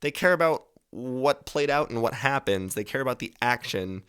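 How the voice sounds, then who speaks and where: Twenty-something guy on his podcast, chatty advice, swears a lot, keeps correcting himself, average pitch. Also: expressive, normal speed, fairly bright tone, clean tone. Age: 20s. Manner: rambling, swears freely, corrects himself mid-sentence. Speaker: podcast host. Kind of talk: casual advice monologue.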